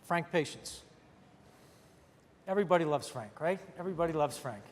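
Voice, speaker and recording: Guy leading the senate doing his opening remarks, kinda high voice, jokey asides, big echoey chamber. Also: lively intonation, normal speed. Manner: chatty, with wry joking asides. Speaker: state senate majority leader. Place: large legislative chamber, indoors. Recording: long reverb of a large chamber.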